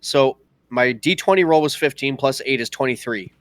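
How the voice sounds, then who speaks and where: A man's voice: medium pitch, moderate pace, fairly bright tone, no echo. A man playing a tabletop game, talking chattily as he explains his dice rolls. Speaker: player.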